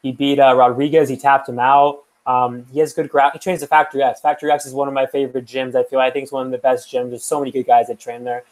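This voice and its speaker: A man's voice: medium pitch, level tone, fast, few pauses, rough recording. A young man co-hosting a podcast, talking through fight picks in a loose, rambling way with lots of fillers and restarts. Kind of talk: casual chat.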